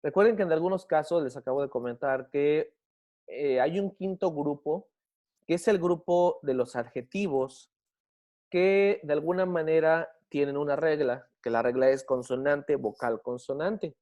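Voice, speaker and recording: A man's voice: on the high side, a little mellow. Patient man teaching English grammar. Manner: patient, checks understanding with frequent questions; slows down to spell and model English words. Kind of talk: explaining grammar in a recorded class.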